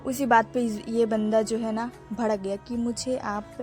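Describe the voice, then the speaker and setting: A young woman narrates her own vlog in a relaxed, chatty way. She talks straight to her viewers and calls them friends. Her voice sits a little high, with faint music playing underneath. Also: measured pace. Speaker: vlogger.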